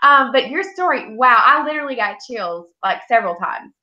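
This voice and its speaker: A woman's voice: fairly high pitch, expressive, normal speed. A woman host chats casually and gushes with encouragement to her guest. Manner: gushing, effusive, encouraging. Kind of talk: casual interview chat. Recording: echoey, muffled room sound.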